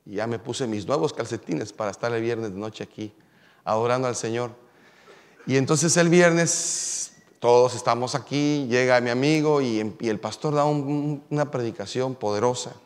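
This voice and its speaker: Pastor preaching in an echoing hall. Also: male voice, medium pitch. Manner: storytelling, rising to emphatic preaching. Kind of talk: sermon. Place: church sanctuary. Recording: long hall reverb.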